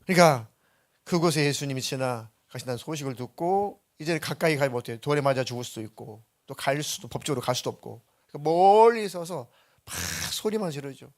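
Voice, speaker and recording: A man's voice: a little high, expressive, a little fast. A male pastor preaching a Sunday sermon in a church, emphatic and full of rhetorical questions. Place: church sanctuary.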